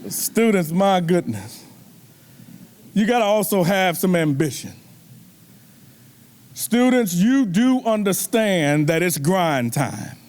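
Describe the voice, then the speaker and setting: Middle-aged male motivational speaker with a very high voice and a slow, deliberate, sermon-like delivery at a banquet. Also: lively intonation, darkish tone. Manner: preacherly, repeatedly addresses the audience with rhetorical questions. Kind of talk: motivational keynote speech. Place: banquet event.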